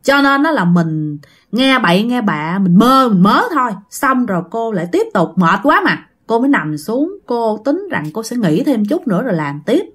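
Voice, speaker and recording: A woman's voice: fairly high pitch, sing-song, normal speed, breathy edge. A woman telling a ghost story in a chatty way, often addressing her listeners.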